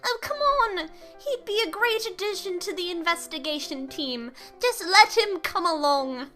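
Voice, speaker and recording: A woman hosts a let's play, gushing over the characters with playful, theatrical commentary. Her voice is very high and bright. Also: animated, a little slow, soft background music. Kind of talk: excited game commentary.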